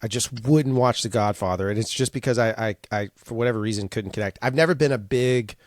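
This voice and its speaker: Man, podcast co-host, casual chat, laughing, halting, mid-pitched, dry close sound. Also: no room sound. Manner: laughing, self-deprecating, halting.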